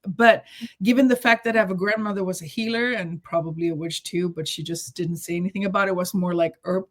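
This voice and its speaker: A woman's voice: lowish voice, steady tone, fast talker. A middle-aged woman raised in Germany, a guest healer telling her story in a chatty, casual interview, laughing often and leaning on fillers. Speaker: guest, intuitive reader and healer.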